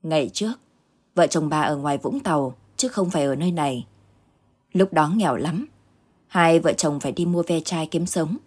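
A woman narrating a ghost story in a steady, dramatic reading. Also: sits low, moderate pace, husky. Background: faint background music.

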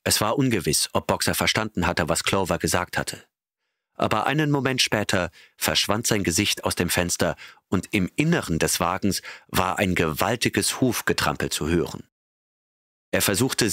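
A man reading an audiobook in a steady, measured narration. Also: low voice, no echo, studio quality. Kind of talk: scripted narration.

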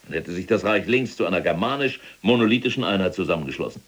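Here the imprisoned SS general of a German audio drama, an older fanatic who justifies himself, argues and holds forth quickly and expressively. The very low, raspy husk of his voice carries a pompous, lecturing tone, and contradiction makes him bristle.

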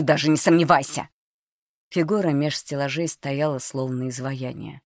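A woman narrating a dark novel in a quiet, tense reading voice. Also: extremely low pitch, no echo, clean studio sound. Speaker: audiobook narrator. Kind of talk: scripted narration.

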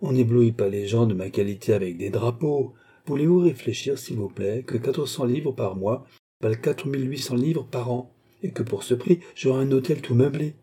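A man's voice: mid-range voice, moderate pace, mellow, husky, close to an everyday voice. A man reading aloud and voicing a haughty noble countess who bargains imperiously. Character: haughty proud noble countess, adult woman.

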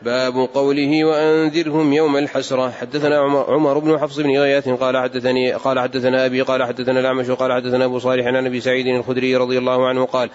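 A man reading hadith text aloud in a steady, formal recitation in a large mosque. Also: medium pitch, very fast, hardly any pauses, dull audio.

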